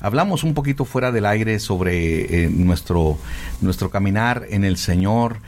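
Low-voiced earnest pastor on radio. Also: male voice, expressive, a little mellow, slight background noise. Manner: earnest, fills pauses with "eh". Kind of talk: radio conversation. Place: radio studio. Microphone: studio microphone.

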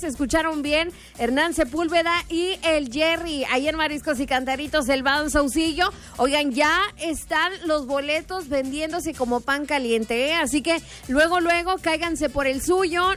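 A woman's voice: sits high, fairly bright tone. A woman hosting a call-in radio show, chatty and upbeat, laughing with callers and pushing events. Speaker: radio host.

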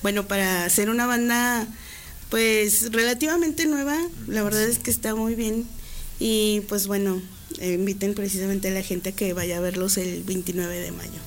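A woman's voice: mid-range voice, normal speed, a little hiss or hum. A woman interviewing a band in a chatty, teasing way, laughing often. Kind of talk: casual interview.

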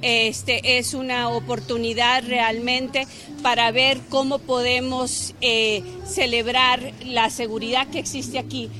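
Diplomat speaking with fillers. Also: female voice, fairly high pitch, little pitch movement, pushed and bright, faint music behind. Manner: halting, with fillers. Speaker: embassy diplomat.

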